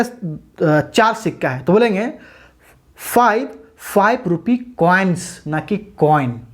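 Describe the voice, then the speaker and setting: A woman teaching an English grammar lesson for exam students, asking questions and answering them herself, and addressing viewers as brothers and sisters. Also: mid-range voice.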